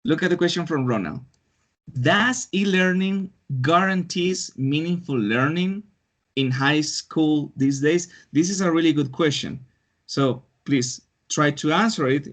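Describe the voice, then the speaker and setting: A man's voice: on the high side, takes it slowly, fairly bright tone. A man teaching an online English class, giving pronunciation feedback and switching between Spanish and English. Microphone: video call.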